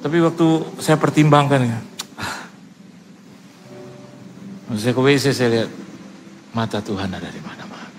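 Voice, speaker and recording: A male pastor telling stories in a humorous sermon, in a casual, lively way, acting out other people's voices. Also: mid-range voice, moderate pace, long pauses, over music. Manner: lively, acts out quoted voices; casual colloquial speech with fillers.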